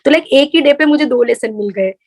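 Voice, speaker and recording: Lively young woman telling stories. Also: sits high, a little fast, crowd noise. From India. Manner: lively anecdotal storyteller, acts out others' lines. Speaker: guest, medical resident. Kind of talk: casual interview storytelling.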